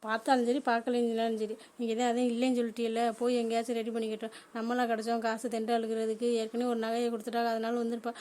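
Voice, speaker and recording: A woman's voice: on the high side, monotone, very fast, few pauses, darkish tone, lightly acted. A woman voicing a greedy, scheming wife, in a cartoon drama. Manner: scheming asides.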